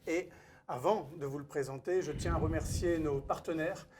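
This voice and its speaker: A man with a voice on the high side hosts a live-streamed cooking event from a cooking school studio kitchen, speaking at a moderate pace against a noisy background. An event host and wine author, he greets viewers and formally introduces the guest chef like an emcee.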